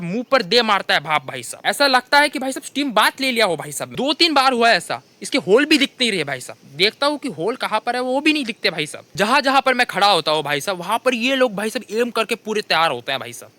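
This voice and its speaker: A young man with a Hindi accent tells comic stories of his kitchen mishaps, constantly saying "bhai sahab" in an animated monologue. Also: very high voice. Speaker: comedian telling funny stories. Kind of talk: stand-up storytelling monologue.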